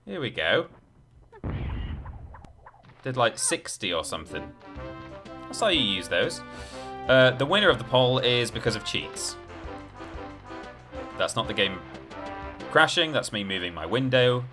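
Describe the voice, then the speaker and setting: A man's voice: medium pitch, big pitch swings, measured pace, pauses often, sharp tone. A man live-streaming a video game, rambling and thinking aloud as he chats casually with his viewers. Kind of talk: live gameplay commentary with casual chat to viewers. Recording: game music behind the voice. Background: video game music.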